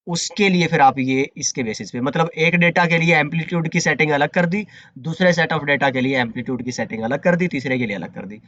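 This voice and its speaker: A man's voice: mid-range voice, fairly bright tone, dry recording, dull audio. A man teaching a networking course online, explaining in a conversational way and dropping English terms and fillers like "you know" as he goes. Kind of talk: online lecture.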